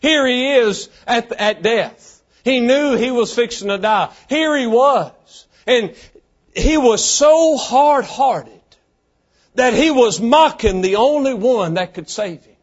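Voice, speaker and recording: A man preaches a sermon in a strikingly high voice, hammering his points with repeated phrases. The recording is dull and lo-fi, with the highs rolled off. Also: animated, slow. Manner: emphatic, repetitive preaching cadence.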